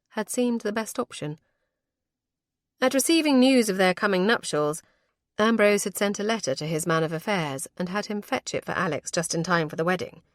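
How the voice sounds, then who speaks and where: A woman narrating a historical romance audiobook in a measured, even storytelling voice on a close studio mic. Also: fairly low pitch, no echo.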